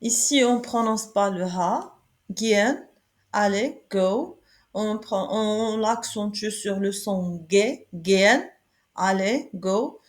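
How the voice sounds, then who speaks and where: A woman's voice: medium pitch, takes it slowly. A woman teaching German from French, repeating each word in German, French and English, with hesitant fillers. Her first language is Arabic. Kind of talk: slow alphabet lesson. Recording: soft music behind.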